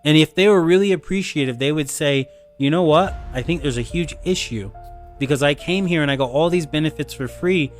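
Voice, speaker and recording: A man's voice: a little high, a little fast, soft background music. A man giving an impassioned political monologue full of rhetorical questions.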